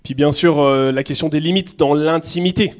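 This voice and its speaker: A man's voice: on the high side, moderate pace. Earnest man with a southern French accent. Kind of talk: conversational teaching talk.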